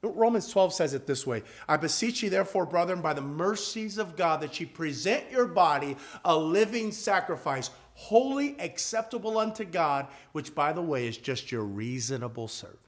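A man preaching in a church, his voice sitting a little high for a man. He rises to loud lines of King James scripture, then drops to a near hush. He keeps asking his listeners questions. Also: animated, moderate pace, hardly any pauses. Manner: asks the congregation questions. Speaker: guest preacher. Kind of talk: sermon. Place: church sanctuary.

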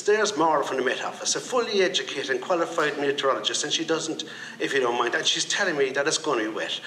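A man's voice: on the high side, bright, forceful tone. Man, author at a live reading, wry first-person rant, faint room noise. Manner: conversational, wry, ranting first-person storytelling. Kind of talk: live reading of a short story. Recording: echoey room, faint ambience.

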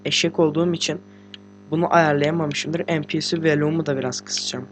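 A teenage boy, a gaming host, giving casual let's-play commentary while sick and talking quietly, chatty, slangy and joking with swearing. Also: fairly high pitch, fairly even intonation, a little fast, slight background noise. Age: teens. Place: room at home with a computer.

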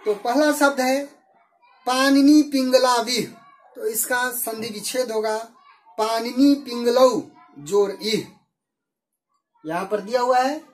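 A woman's voice: on the high side, slow, long pauses. A woman teaching a Sanskrit lesson, methodically working through each answer and repeating it in Hindi. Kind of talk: slow explanatory lesson.

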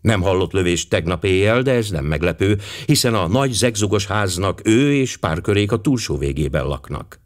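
A male audiobook narrator with a low voice that still moves a lot in pitch. He reads in a measured, expressive storytelling manner.

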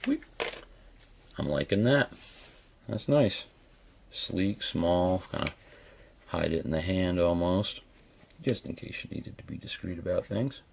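Very deep, gravelly-voiced man reviewing casually. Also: expressive, a little slow, pauses often, a little hiss or hum. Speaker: product reviewer. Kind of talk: casual hands-on video review.

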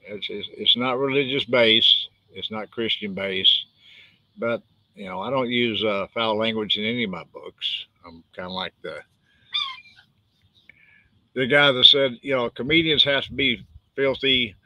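A man's voice: on the low side, a little slow, pauses often, sharp tone, dry recording, dull audio. An older man with a West Texas twang, an author chatting casually and rambling in a folksy way on a live stream. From West Texas, United States. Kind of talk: casual live-stream chat about own books.

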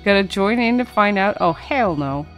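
Giggly streamer woman with lively pitch. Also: moderate pace, faint music behind. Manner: giggly, reacting to chat, loud laughs. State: yawning, tired. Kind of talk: casual live-stream chat.

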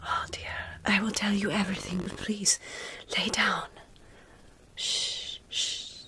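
This ASMR roleplay features a woman in her thirties as a caring vampire who has lived for centuries, whispering close to the mic. Her mid-range voice keeps a level tone, soothing and hushing in a slow, deliberate way.

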